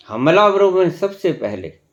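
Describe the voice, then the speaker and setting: A man giving a spiritual discourse as a teacher, speaking slowly and emphatically with long pauses. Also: high voice, very animated, lo-fi sound. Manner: slow, emphatic, with long pauses and rising stresses.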